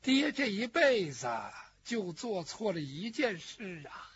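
A man voicing a dying old father over 60 who pleads slowly and full of regret. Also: sits high, big pitch swings, fairly bright tone, slight background noise, heavily acted. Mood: remorseful. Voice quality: very husky. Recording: dull lo-fi recording.

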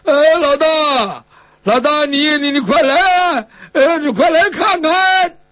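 A man's voice: high voice, huge pitch swings, moderate pace, vocal fry, fairly bright tone, husky, full character voice. A man storyteller voicing a cowardly young bandit who stammers and pleads with a sword at his belly. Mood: flustered.

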